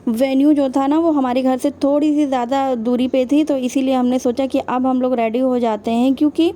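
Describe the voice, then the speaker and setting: A young woman narrates her daily vlog in a relaxed, chatty way, speaking to her viewers as friends. Her voice sits high and sounds soft and mellow. A faint hiss of background noise runs beneath it. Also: a little fast. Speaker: vlogger.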